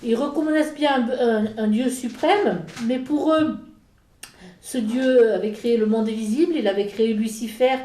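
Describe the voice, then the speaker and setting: A woman explaining medieval history in a casual talk, halting with many fillers and restarts. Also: fairly high pitch, dark tone, roomy sound, poor audio. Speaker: speaker on a church history talk. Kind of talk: informal history lecture in conversation.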